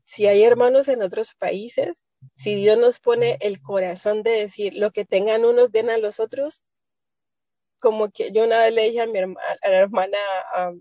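Over a dull, lo-fi video call, a woman speaks to the women of her church, giving an earnest, rambling testimony of faith with many restarts. Her voice is medium in pitch and steady in tone, at a normal speed with no echo.

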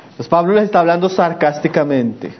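High-voiced man preaching, muffled recording. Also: expressive. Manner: emphatic preaching, drops low for stress, slows to read scripture. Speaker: pastor. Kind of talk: sermon.

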